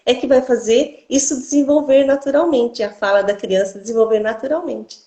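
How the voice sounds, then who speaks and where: A woman's voice: on the high side, fairly even intonation, moderate pace, dark tone, echoey room. A woman speech therapist with a Brazilian accent explains things in a didactic way in an interview and often ends her phrases with "né?". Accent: Brazilian Portuguese.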